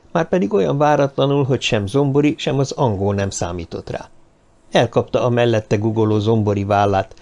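A man narrating an audiobook in a measured, even storytelling manner. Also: medium pitch. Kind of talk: scripted narration.

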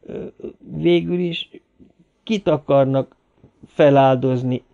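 A man's voice: mid-range voice, gravelly, mellow, natural voice. A man voicing a frightened, easily shaken man who groans in horror. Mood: horrified. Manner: groaning, horrified. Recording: dull lo-fi recording.

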